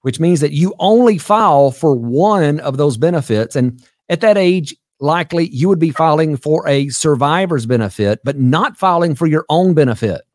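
A man's voice: on the high side, expressive, moderate pace, no room sound, studio quality. A man hosting a call-in advice show, explaining things to callers in a patient, plain way. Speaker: host.

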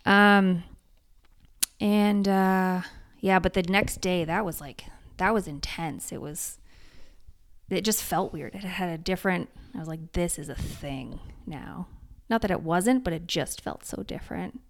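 A woman with a low, gravelly voice talks in a casual podcast chat. She tells her story earnestly and with feeling, with plenty of fillers along the way. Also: steady tone, a little slow. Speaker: podcast co-host, race crew lead.

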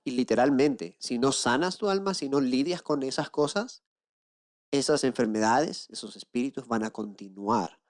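A man preaching a sermon as an inner-healing coach, lively, acting out the people he quotes with rhetorical questions, slowing down and hushing low to drive points home. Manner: slows down and drops to a low hush for emphasis.

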